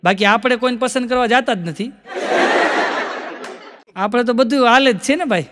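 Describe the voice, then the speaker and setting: A man with a Gujarati accent does stand-up, telling folksy comic stories in an extremely high voice at normal speed. He plays both sides of each joke and often repeats lines for effect. There is background noise and a long hall reverb.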